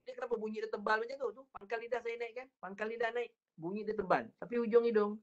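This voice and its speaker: A man with a Malaysian Malay accent teaching an online Quran recitation class, patiently repeating drills and drawing words out slowly to demonstrate. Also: extremely high pitch, fairly even intonation, dull audio.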